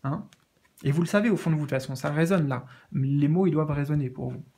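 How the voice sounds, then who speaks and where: A man with a slightly high voice reads spiritual cards in a casual, soothing way. He stumbles and restarts often, filling pauses while he searches for the right words. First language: French. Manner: hesitant, searching for words, many fillers; gentle, reassuring. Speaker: tarot card reader. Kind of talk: casual spiritual card reading.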